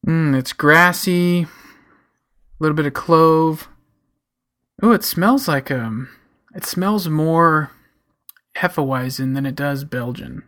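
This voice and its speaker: A man co-hosting a beer review, describing a beer's look and smell in an easygoing, pausing way. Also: on the high side, a bit bright. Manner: easygoing, describing aromas with pauses. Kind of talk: casual tasting review.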